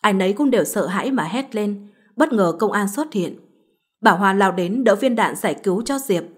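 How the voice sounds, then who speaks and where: A woman narrating a late-night story in a measured, even reading style. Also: medium pitch, breathy edge.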